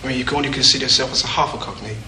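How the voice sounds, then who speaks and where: Very bright-voiced man, echoey. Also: medium pitch, rapid-fire. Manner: emphatic, reasoning. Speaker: interviewee. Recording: echoey with faint noise.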